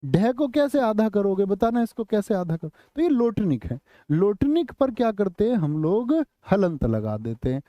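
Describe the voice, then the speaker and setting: A young man teaching a Hindi spelling lesson to exam students. He keeps firing quick questions and pushing them for answers. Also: high voice, very animated, warm tone, dry recording. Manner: rapid, drilling questions to students. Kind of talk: online exam coaching lesson. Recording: slightly muffled lo-fi audio.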